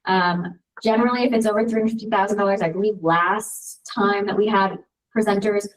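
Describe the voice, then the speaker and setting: A woman's voice: mid-range voice, fairly even intonation, a little fast. Meeting lead, woman, organized, heard through a far-off room mic with an echoey, distant sound. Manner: organized, running the agenda. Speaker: meeting facilitator. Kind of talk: video call meeting. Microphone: room mic far from the speaker.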